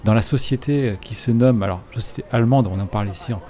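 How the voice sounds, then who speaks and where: A man playing an English airship investor in a tabletop game, hesitant and halting. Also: on the low side, warm tone, lightly acted. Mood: earnest. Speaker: player. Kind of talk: tabletop role-play in character.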